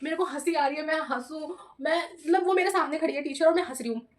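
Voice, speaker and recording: Fast, high-voiced young woman vlogger. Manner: chatty, animated, addresses viewers as "bhai". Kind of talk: casual storytelling vlog.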